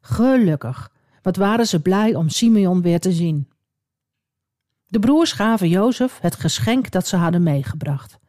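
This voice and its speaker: Lively woman telling children's Bible stories. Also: on the low side, measured pace, no echo, clean studio sound. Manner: lively, expressive, with asides to the listener. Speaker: storyteller.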